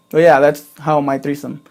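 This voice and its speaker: A man's voice: a little high, creaky. A man in his twenties telling a personal story in a casual monologue, chatty, with lots of "like" and swearing. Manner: chatty, swears often, fills with "like".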